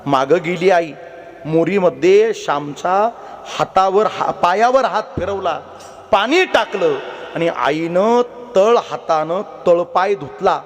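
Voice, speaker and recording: A man's voice: sits high, animated, slow. A man preaching a devotional kirtan sermon, telling a story, repeatedly urging his listeners to listen and acting out the characters' voices. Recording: long reverberant hall.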